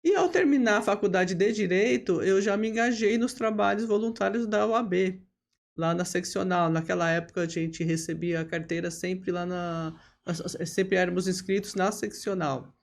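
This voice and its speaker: A woman tells her own story as a podcast guest. Her voice has a gravelly, fried edge, and she speaks steadily. She keeps checking in with little tag questions and pauses to fill gaps. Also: mid-range voice. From Brazil. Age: 50s. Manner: steady, with frequent tag questions and hesitation fillers. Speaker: lawyer and bar association leader, podcast guest. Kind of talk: relaxed interview storytelling.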